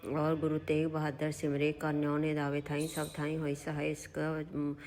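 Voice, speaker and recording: A woman with a low, flat voice recites devotional prayers at a slow, steady pace. Her delivery stays even and unhurried. Faint background noise sits under the recording. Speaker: satsang devotee leading prayers.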